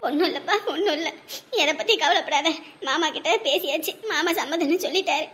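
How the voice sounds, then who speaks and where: A woman's voice: high voice, a little fast, a bit bright. A woman playing an elderly, doting sister who fusses and coaxes tearfully. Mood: soothing. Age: older. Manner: fussing, tearful, coaxing. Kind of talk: Tamil village web drama acting.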